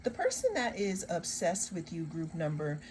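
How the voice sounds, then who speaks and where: Woman tarot reader, lower voice, slow and emphatic with sarcastic asides, faint hiss behind. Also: wildly swooping pitch, a little mellow, low-quality recording. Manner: slow, emphatic, drawn-out phrases with repeated refrains. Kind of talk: tarot card reading to viewers.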